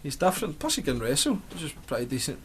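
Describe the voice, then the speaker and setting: A man's voice: mid-range voice, huge pitch swings, fast, slight background noise. A Scottish man co-hosting a casual wrestling podcast, teasing his friends, laughing often and repeating his words. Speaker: podcast co-host. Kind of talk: casual chat.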